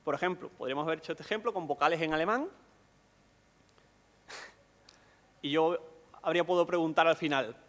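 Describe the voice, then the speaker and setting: High-voiced man lecturing in a hall. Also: moderate pace, long pauses, a bit bright. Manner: explanatory, asks rhetorical questions. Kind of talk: conference lecture.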